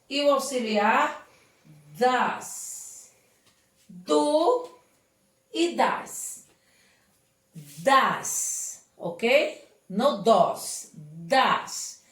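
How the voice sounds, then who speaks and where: A woman teaching English, her voice a little high and unhurried. She explains step by step and keeps checking that the class follows. She sits far back from the mic in a room that echoes. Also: a bit bright. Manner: slow, patient, often checks understanding. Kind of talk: remote classroom lesson.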